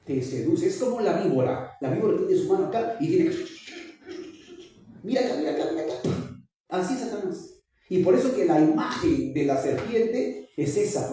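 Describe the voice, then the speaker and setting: A man's voice: high voice, warm tone. A man preaching a sermon as pastor, emphatic and repeating his key phrases. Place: church. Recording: echoey church hall, distant mic.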